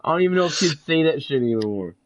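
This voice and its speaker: A man's voice: on the high side, animated, very fast, no echo. A man chatting casually on a gaming stream, blunt and teasing, swearing heavily. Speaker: co-player on stream. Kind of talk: casual chat while gaming.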